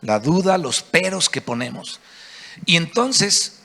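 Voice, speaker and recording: Mexican man preaching, high-pitched for a man, gravelly edge, lively storytelling, reverberant church hall. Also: takes it slowly. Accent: Mexican Spanish. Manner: animated storytelling, acting out the quoted voices. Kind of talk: sermon.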